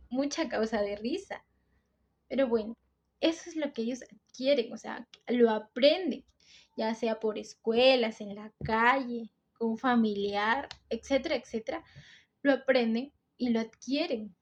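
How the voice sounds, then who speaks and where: In a muffled recording, a teen girl from Peru speaks in a fairly high voice with a coastal Peruvian Spanish accent. She's a student presenter walking through a school topic step by step in a video, frequently using "entonces."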